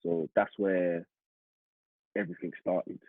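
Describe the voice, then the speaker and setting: A man's voice: low-pitched, slow pace, dry recording. London man telling a story over a tinny line. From East London, England. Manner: animated, vivid retelling with acted-out quotes. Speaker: interview guest, semi-pro striker. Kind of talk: casual storytelling interview. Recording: muffled phone-like audio.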